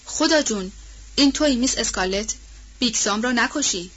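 A burly, loyal farmhand, read by a woman speaks in a heavy, husky voice with rustic, homespun phrasing. The tone stays bright and forceful. The audiobook recording sounds dull and lo-fi. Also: fairly high pitch. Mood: alarmed. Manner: colloquial rustic speech. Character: burly loyal male former farmhand, warm and overjoyed. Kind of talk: audiobook character reading.

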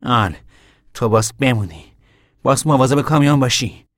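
A man's voice: animated, no room sound, studio quality, close to an everyday voice. An actor playing a weary young man on the run who talks in a tired, grim way. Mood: earnest. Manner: tired, grim, low-voiced.

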